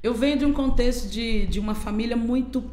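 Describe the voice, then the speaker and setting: A guest pastor in her forties from Pernambuco, Brazil, candidly shares her personal testimony in a podcast conversation, telling it earnestly. Her voice is on the high side and dark in tone, a little fast, and sounds reverberant.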